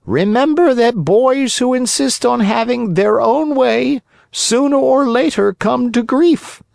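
A man's voice: very high-pitched, takes it slowly, vocal fry, a little mellow, no room sound, clean studio sound, voice pushed up, full character voice. A man voicing the faint ghost of a small, preachy male cricket who gives advice. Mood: pleading. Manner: faint, otherworldly, lecturing.

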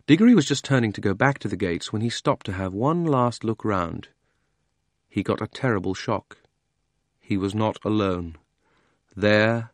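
A man narrating a children's audiobook in a measured, gently wry storytelling manner. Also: fairly low pitch, dry recording, clean studio sound.

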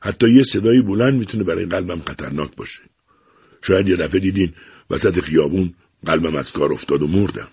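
A man's voice: sits low, gravelly, a little mellow, husky, no echo, studio quality, exaggerated voice. A man doing a fretful, sickly older father. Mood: gloomy. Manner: weak, complaining voice.

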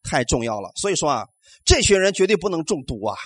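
Animated high-pitched male preacher. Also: fast talker. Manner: animated preaching with rhetorical questions and call-and-response amens. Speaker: pastor. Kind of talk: sermon.

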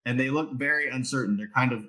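A man running a tabletop game as game master, setting scenes in an unhurried way with plenty of fillers. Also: medium pitch, bright, forceful tone, recorded from a distance, poor audio.

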